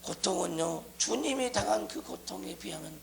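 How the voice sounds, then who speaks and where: A male pastor preaching a passionate sermon, swinging between loud cries and hushed, near-whispered lines and drawing out scripture slowly. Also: high voice, animated, vocal fry, a little hiss or hum. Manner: drawn-out, slowed phrasing on scripture lines. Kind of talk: impassioned sermon.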